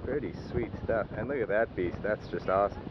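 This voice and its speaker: An amateur vlogger with a Canadian accent talks from behind his handheld camera outdoors in a parking lot, his voice on the low side and fairly quick. His casual chat is slangy and relaxed, frequently capped with "eh." Loud vehicles and muffled camcorder audio mark the recording.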